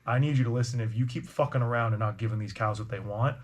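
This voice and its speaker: A man voicing a scarred, one-eyed male minotaur thug with a raspy, menacing voice. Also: medium pitch, fast talker, pitched below the performer's own voice, natural voice. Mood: threatening.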